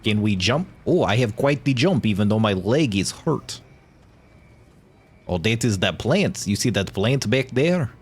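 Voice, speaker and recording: A man's voice: medium pitch, a little mellow, breathy edge. A man streaming a video game, reacting in casual commentary, joking and laughing often. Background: faint game music.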